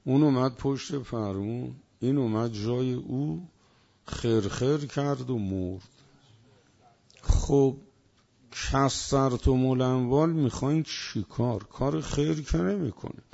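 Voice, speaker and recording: A man preaching a sermon, slowly drawing out word lists for emphasis. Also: medium pitch, gravelly, warm tone. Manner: stretches out listed words for emphasis. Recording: dull lo-fi recording.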